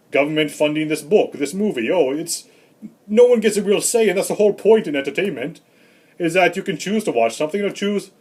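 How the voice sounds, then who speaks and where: A man playing a rambling, grumpy old Santa Claus in a comedic vlog monologue, with deadpan, self-important asides. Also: on the high side, slightly rough. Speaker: comedy vlogger.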